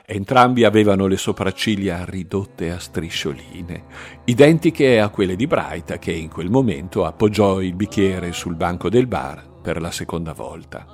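A man narrating a novel in an expressive, varied reading. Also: sits low, normal speed. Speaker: audiobook narrator.

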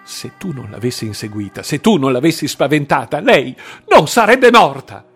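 A man voicing a shaken, angry man confronting his friend, accusing and bursting into shouts. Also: lowish voice, moderate pace, soft background music, close to an everyday voice. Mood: furious.

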